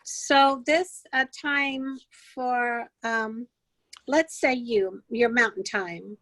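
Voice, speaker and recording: Woman, slightly high voice, inquisitive co-host, rephrases to clarify, dry close sound. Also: fairly even intonation, drawn-out words, fairly bright tone, no room sound, rough recording. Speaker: co-host interviewer. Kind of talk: casual conversational interview.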